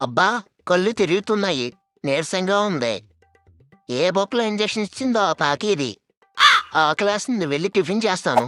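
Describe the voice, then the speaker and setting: A woman's voice: on the low side, animated, fairly quick, faint music behind, close to an everyday voice. A woman doing a foul-mouthed angry young man. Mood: irritated, scornful. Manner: shouting insults, blunt. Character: hot-tempered young man, rude and insulting.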